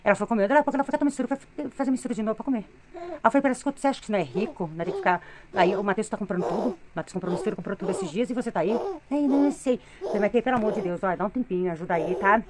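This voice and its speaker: A woman's voice: medium pitch, very fast, background noise. A middle-aged woman with a Brazilian Portuguese accent venting in a weary, complaining tone in a casual home vlog, filmed on a phone in her living room. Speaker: vlogger, mother of three.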